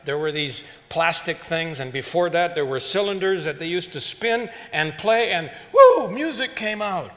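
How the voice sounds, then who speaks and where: A man's voice: fairly high pitch, sharp tone. A man preaching a sermon in short phrases, stopping for an interpreter and asking the listeners questions. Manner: pauses for the interpreter, asks the audience questions. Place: church hall. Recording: echoey hall.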